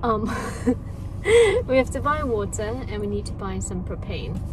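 A woman's voice: medium pitch, measured pace, background noise. A woman in her thirties hosting a playful road-trip vlog from inside a car, filming on a phone held at arm's length. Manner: playful, bubbly, teasing. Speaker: vlogger host. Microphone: phone camera at arm's length.

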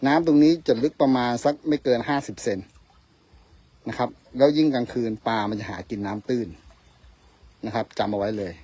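A man's voice: mid-range voice, fairly quick, mellow, lo-fi sound. A man casually commenting on his fishing to viewers outdoors by a river at dusk, speaking to them directly and politely. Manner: chatty, addresses viewers directly, tags lines with polite particles. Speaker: fishing vlogger.

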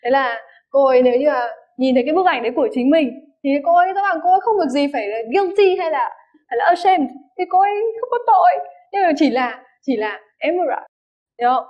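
Her voice sits high, with lively intonation, and she talks fast. As an English teacher giving a vocabulary lesson, she offers plenty of examples and keeps checking that students follow along, captured on a dull lo-fi recording.

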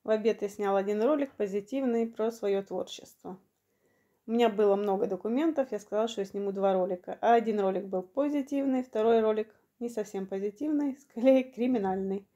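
A woman around fifty from Ukraine, telling a long personal story in a vlog, unhurried and matter-of-fact, slightly short of breath. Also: mid-range voice, warm tone, dull audio. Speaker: vlogger.

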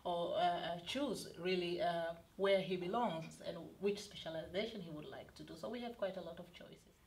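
A woman's voice: lowish voice, normal speed, darkish tone, a little hiss or hum. Hesitant woman study advisor from Tanzania. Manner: hesitant, many fillers and restarts. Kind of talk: explanatory interview answers. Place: studio set, indoors.

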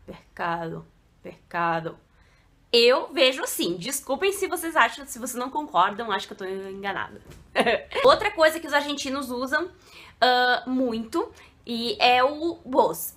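Woman, high voice, bright tone, chatty online teacher, digressive. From Brazil. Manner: chatty and digressive, with frequent asides. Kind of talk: casual video lesson.

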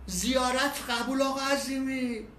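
A man voicing a loud, nosy gas station worker of about thirty-five who shouts his questions across the forecourt. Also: high voice, animated, reverberant, far from the mic, slight background noise, voice pushed up. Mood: shouting.

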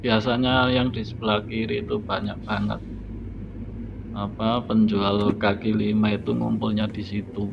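A man giving relaxed, unhurried commentary while driving at night, recorded on a phone in a car. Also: on the low side, creaky. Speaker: driving vlogger. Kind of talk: casual narration while driving. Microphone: phone in a dashboard holder. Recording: dull lo-fi phone audio with loud road noise.

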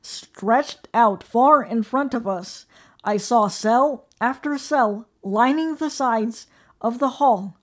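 A woman narrating a horror story in a measured, ominous, scripted way. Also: fairly high pitch.

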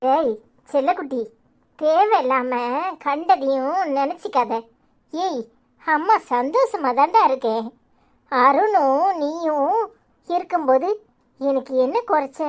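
A woman voicing a gentle, reassuring mother in a Tirunelveli Tamil accent for a cartoon. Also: high voice, expressive, slow pace, long pauses. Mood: soothing. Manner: coaxing, reassuring. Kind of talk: cartoon comedy voice acting.

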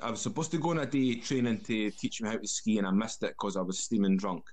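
A man's voice: lowish voice, fast, a little mellow. A man from Scotland with a broad Scottish accent, telling casual anecdotes as a guest and often repeating words. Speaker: guest, former soldier.

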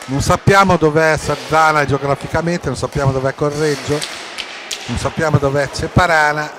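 An Italian man giving excitable live sports commentary, shouting and stretching players' names, recorded in a noisy sports hall. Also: on the high side, normal speed. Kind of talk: live roller hockey match commentary. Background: crowd and rink noise.

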